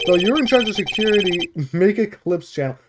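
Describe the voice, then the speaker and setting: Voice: mid-range voice, fairly quick, noisy background. A streamer playing a courtroom video game, reading its dialogue aloud and chatting casually between lines. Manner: gives characters put-on voices and laughs at own attempts. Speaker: gaming streamer.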